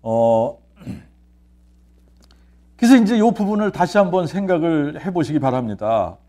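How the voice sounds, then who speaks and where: A man's voice: fairly high pitch, very animated, takes it slowly, warm tone. A man, a pastor, preaching a sermon. He asks rhetorical questions, answers them himself, and repeats key phrases. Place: church sanctuary.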